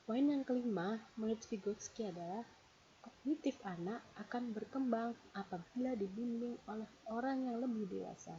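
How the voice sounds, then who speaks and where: A woman presents a read-out lecture in a warm, mellow voice, steadily numbering each point as she explains. The recording is dull and lo-fi, with a faint hiss underneath. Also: on the high side, moderate pace. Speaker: presenter explaining a psychology theory.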